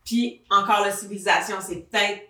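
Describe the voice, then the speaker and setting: A woman from Canada with a Québécois French accent, co-hosting a casual podcast and speaking lively and opinionated. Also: mid-range voice, normal speed, reverberant, far from the mic, rough recording. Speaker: podcast co-host. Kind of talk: casual chat.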